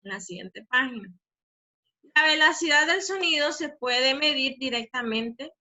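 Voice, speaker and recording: A woman's voice: on the high side, bright, forceful tone. A woman teacher explaining a physics lesson, often checking in with the class. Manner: explanatory, often asks "¿verdad?" to check understanding; says she talks fast.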